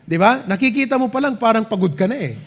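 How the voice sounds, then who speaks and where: A Filipino man preaches in a high, bright voice. He talks animatedly, checking with the congregation again and again. His speech slides easily between English and his local words. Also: fast. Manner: animated, asks the crowd "di ba?" often; mixes English and local speech, light laughs. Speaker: pastor. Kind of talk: sermon. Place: church service.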